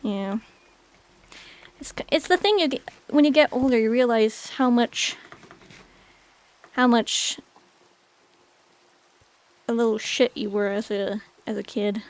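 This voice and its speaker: A chatty woman in her twenties, late twenties in fact, talks with her stream's chat while gaming, rambling loosely with plenty of fillers. Her voice sits a little high, and she speaks slowly, pausing often.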